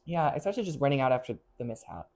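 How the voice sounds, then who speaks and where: A woman's voice: a bass voice, sing-song, racing, gravelly, dark tone. A woman co-hosting a podcast, telling a story with animation and acting out other people's lines. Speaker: podcast co-host. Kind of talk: casual chat.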